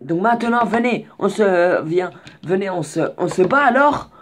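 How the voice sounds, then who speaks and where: A young man voicing a loud, combative old grandfather with an exaggerated put-on accent. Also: high voice, measured pace, pitched above the performer's own voice. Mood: indignant. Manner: shouty, indignant, heavy put-on accent.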